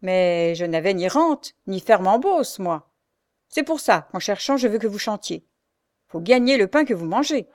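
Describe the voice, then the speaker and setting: A woman voicing a coarse, cruel old female beggar who scolds in a harsh, shrill way. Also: fairly even intonation, normal speed, lightly acted. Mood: shrill scolding. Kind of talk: audiobook character reading.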